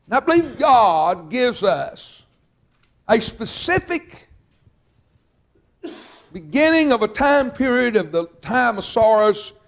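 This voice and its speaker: A man preaching a revival sermon, fervent and drawn out, sometimes shouting. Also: high voice. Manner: fervent, shouting at peaks, drawn-out emphatic phrases. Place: church sanctuary.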